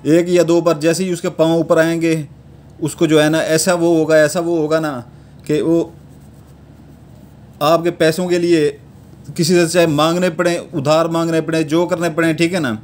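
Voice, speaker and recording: A man with a Pakistani Urdu accent calmly teaching how to draw a charm step by step, checking in with a repeated tag after each step. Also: on the high side. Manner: unhurried, repeats a verbal tic after nearly every step. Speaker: amulet-making teacher. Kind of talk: step-by-step instructional talk.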